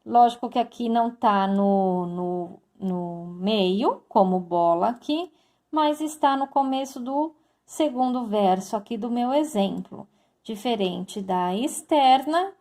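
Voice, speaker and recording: A woman's voice: a little high, takes it slowly, dark tone. A woman teacher giving a recorded lesson, explaining step by step and addressing her students directly. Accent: Brazilian Portuguese.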